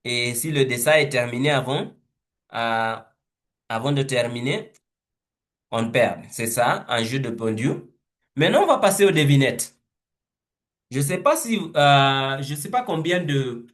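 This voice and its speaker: A man leading a teaching webinar, thinking aloud slowly and hesitantly as he walks through a word game. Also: mid-range voice, a bit bright. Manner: slow, hesitant, thinking aloud with repeated words.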